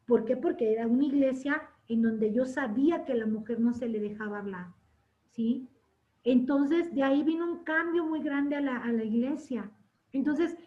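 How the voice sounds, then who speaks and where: Brief: woman church teacher with a high voice, recorded on muffled lo-fi audio. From Latin America. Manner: asks "¿sí?" to check understanding; tells stories with lively acted quotes. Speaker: Bible class teacher. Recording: dull lo-fi sound.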